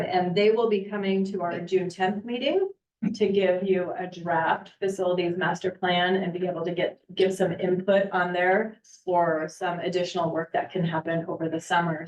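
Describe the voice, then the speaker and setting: Woman, superintendent, chatty update, lots of ums, echoey boardroom, dull sound. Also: lowish voice. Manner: chatty, with frequent ums and uhs. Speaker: school district superintendent. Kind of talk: meeting update, casual and unscripted. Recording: echoey, distant, muffled meeting audio.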